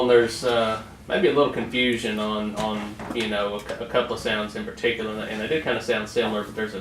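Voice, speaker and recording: A male interviewer speaks quickly at an average pitch, in a casual, rambling way. The recording is echoey and a bit distant, with faint noise behind him. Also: fairly bright tone. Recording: distant mic, roomy echo, faint noise.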